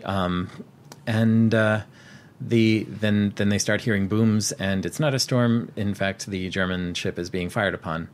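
A man's voice: on the low side, steady tone, measured pace. A man co-hosting a podcast, casually retelling a film's plot with lots of fillers and restarts. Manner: rambling with frequent fillers and restarts. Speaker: podcast co-host. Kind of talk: casual film recap chat.

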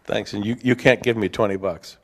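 A man's voice: lowish voice, fairly even intonation, fairly quick. A man moderating a panel discussion, putting questions with dry joking asides.

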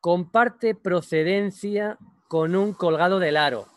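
A man in his thirties from the Madrid region, teasing his co-hosts while slowly reading quiz clues on a video call. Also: sits high, no room sound, clean studio sound. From Madrid region, Spain. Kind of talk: casual video-call chat. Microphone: video call with earphones.

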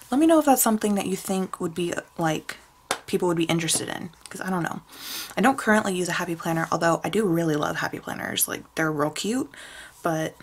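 A woman's voice: fairly low pitch, creaky, a little hiss or hum. A young woman chatting casually in a plan-with-me vlog, rambling with many fillers as she plans out her week. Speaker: planner sticker shop owner.

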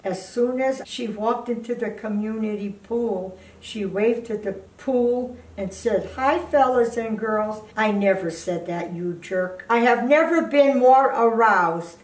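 A woman in her eighties, a blunt grandmother, reading aloud haltingly and adding indignant, scolding remarks. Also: a little high. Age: 80s. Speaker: grandmother reading fan fiction aloud on a video channel. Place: indoor living room, seated in an armchair. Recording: roomy, distant microphone.

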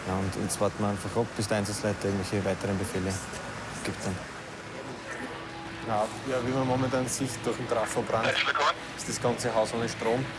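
A man with an Austrian accent, a paramedic briskly explaining what is happening at the scene. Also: fairly low pitch, flat delivery, over loud music. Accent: Austrian German. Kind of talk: on-scene report. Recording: loud outdoor ambient noise.

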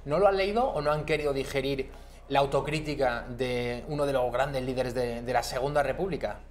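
A man's voice: medium pitch, a little fast, slight background noise. A young adult man hosting a discussion in a TV news studio, steering it with questions and an ironic edge, recorded on a lapel mic. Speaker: TV presenter.

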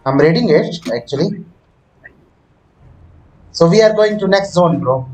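Higher-pitched male gamer chatting. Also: lively intonation, measured pace, darkish tone, rough recording. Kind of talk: casual co-op gameplay chat.

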